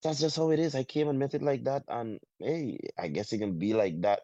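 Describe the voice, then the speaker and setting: A man from Guyana with a Guyanese accent, a soca artist talking in a casual interview, halting and full of restarts. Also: medium pitch, mellow, dry recording. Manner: halting, many restarts, drawn-out phrases. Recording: dull, muffled sound.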